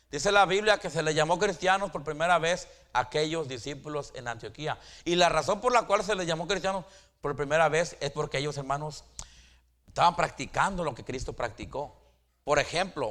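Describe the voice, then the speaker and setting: A middle-aged man preaching a sermon, often stammering into restarts and calling out to his congregation, his pitch swinging high and then dropping low. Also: a bit bright. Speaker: pastor.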